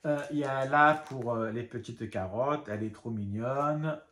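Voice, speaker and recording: A man's voice: mid-range voice, measured pace, fairly bright tone. Chatty man in an echoey room. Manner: chatty, rambling, many fillers and asides. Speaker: craft vlogger. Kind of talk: casual show-and-tell vlog.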